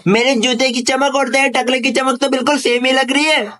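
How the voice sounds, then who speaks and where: A man voicing a cocky, mocking village loudmouth who bullies and flirts in an amateur animated comedy. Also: extremely high pitch, brisk. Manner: taunting, cocky.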